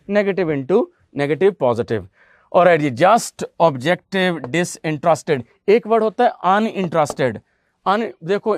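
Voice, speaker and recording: Slow, deliberate male vocabulary teacher. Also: fairly high pitch, no room sound, studio quality. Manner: slow, deliberate listing of synonyms and spelling out words letter by letter; addresses students fondly as "beta". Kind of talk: classroom vocabulary lesson.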